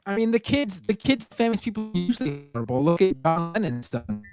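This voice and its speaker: A man's voice: high-pitched, big pitch swings, fairly quick, over music. A man on a video call whose voice comes through glitchy, warbling and robotic, talking casually and restarting his sentences. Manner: rambling, restarts mid-sentence. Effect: glitchy, warbling robotic call audio. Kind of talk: casual group chat over a video call.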